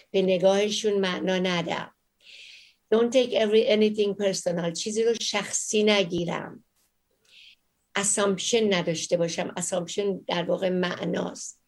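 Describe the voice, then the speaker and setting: A middle-aged woman, a clinical psychologist hosting a live advice show, speaking with emphatic drawn-out stresses, quick bursts and frequent fillers. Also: mid-range voice. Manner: filler-heavy, thinks aloud. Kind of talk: live advice talk to viewers.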